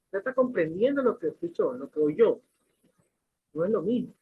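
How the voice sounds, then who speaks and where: Man lecturing a class, high husky voice, tinny lo-fi recording. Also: expressive, normal speed. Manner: explains with questions and examples, restarts. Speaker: teacher. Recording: lo-fi phone-like recording.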